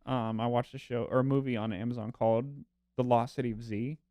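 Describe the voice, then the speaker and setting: A man's voice: medium pitch, steady tone, fairly quick, warm tone, no room sound. Guy, podcast co-host, loose rambling delivery full of "like" and "um", dry close sound. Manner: rambling retelling with many fillers. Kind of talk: casual chat.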